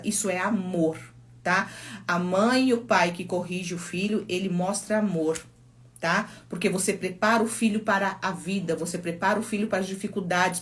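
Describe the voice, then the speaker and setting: Middle-aged Brazilian woman, psychologist hosting a live stream, chatty anecdotal delivery, phone mic. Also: medium pitch. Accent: Brazilian Portuguese. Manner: chatty storytelling, reads viewer comments aloud. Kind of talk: casual live-stream chat.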